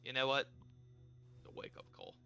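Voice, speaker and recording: A man's voice: normal speed, pushed and bright, soft background music, close to an everyday voice. A man voicing a blunt, foul-mouthed adventurer in a tabletop game. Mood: wry. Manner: swears a lot, blunt. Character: rough-talking man who swears, shaken after a strange vision.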